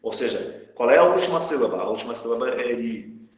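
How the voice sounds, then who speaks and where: A man's voice: mid-range voice, expressive, a little fast. Brazilian-Portuguese male teacher in an echoey classroom. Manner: checks in often with the class, asking "tá?". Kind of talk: live classroom lesson. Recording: echoey room.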